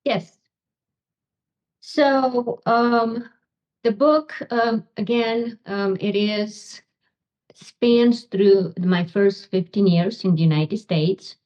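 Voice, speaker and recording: A middle-aged woman from Romania, a physician and author, answering interview questions slowly with many pauses and ums. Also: medium pitch, a little mellow, highs cut off. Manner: slow, halting, many ums.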